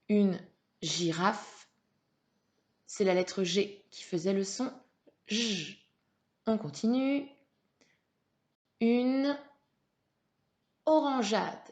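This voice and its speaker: A woman teacher leading a reading lesson for young children, slow and patient, sounding out syllables. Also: medium pitch, darkish tone. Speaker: primary school teacher.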